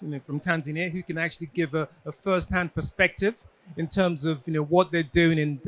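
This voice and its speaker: Male panel moderator, slightly high voice, off the cuff, often searching for words. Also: a bit bright.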